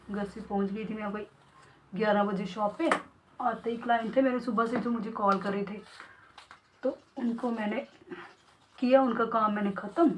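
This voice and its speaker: A woman's voice: medium pitch, poor audio. A woman who runs a beauty salon, chatting casually in a vlog and talking straight to her viewers and her pet parrot. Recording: clear background noise.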